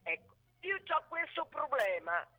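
A woman's voice: high voice, sing-song, unhurried, soft background music. A woman from Ancona with a local accent, calling in to a radio show and talking in an agitated, rambling way. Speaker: caller. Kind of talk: phone call to radio show. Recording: phone line.

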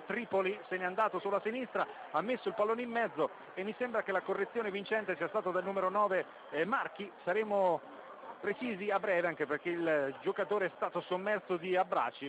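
A man giving live radio football commentary, narrating play, score and minutes as the match unfolds. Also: sits high. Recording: dull lo-fi radio feed, loud background noise.

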